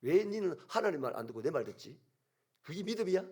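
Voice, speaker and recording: A man with a Gyeongsang accent voicing a sharp-tongued, quarrelsome wife who fires back shrill, indignant retorts. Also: very animated, fast, breathy edge. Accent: Gyeongsang Korean.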